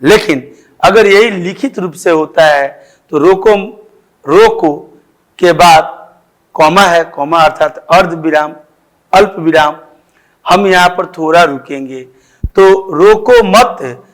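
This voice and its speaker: Slow, high-voiced Indian male teacher. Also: a bit bright. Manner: slow, deliberate explaining with drawn-out example phrases. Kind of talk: school grammar lesson.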